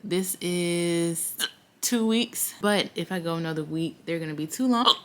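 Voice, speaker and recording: A woman's voice: on the low side, a little slow, fairly bright tone. A woman in her late twenties chatting casually to her viewers in a vlog, upbeat and talkative. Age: late 20s. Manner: chatty, upbeat, says "y'all". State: has the hiccups. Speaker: vlogger.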